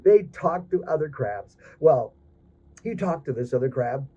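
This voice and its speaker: A man's voice: mid-range voice, animated, a little slow, mellow, breathy edge, lo-fi sound. A man telling a story to small children, talking to them directly, often stammering and repeating words. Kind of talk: animated storytelling to young children.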